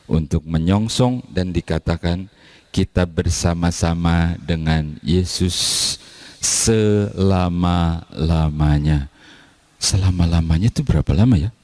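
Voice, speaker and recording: Deep-voiced pastor. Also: male voice, mellow, no echo. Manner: colloquial, joking, storytelling. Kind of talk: sermon and closing prayer.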